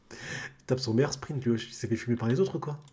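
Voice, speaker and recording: Man, streamer reacting to a manga, husky voice, slangy and jokey. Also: mid-range voice, dark tone. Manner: slangy, joking, laughs often. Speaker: streamer reading a manga chapter. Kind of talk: casual live reading and reaction.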